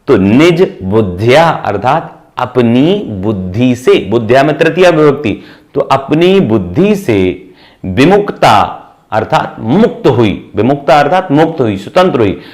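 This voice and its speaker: Male teacher, animated pitch, explains a text piece by piece, quizzes the class and answers himself. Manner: questions the class and answers himself, repeats words slowly. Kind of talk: Sanskrit lesson explained in Hindi.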